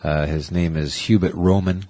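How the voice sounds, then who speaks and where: A man's voice: low voice, fairly even intonation, normal speed, darkish tone, a little hiss or hum. A man hosting a podcast, chatting casually in a loose, rambling way with some swearing. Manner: loose, profane, rambling banter. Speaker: podcast host. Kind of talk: casual chat.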